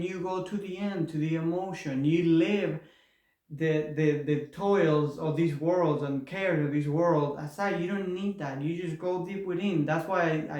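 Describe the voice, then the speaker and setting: Man, slightly high voice, earnest spiritual vlogger, echoey room. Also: darkish tone. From Argentina. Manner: earnest, repetitive, with rising enthusiasm. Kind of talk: motivational spiritual talk.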